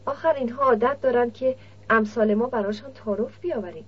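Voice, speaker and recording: Guarded young nomad guy, husky voice, bit high, dull lo-fi audiobook sound, a woman reading him. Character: blunt young male nomad camel driver. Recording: dull lo-fi recording.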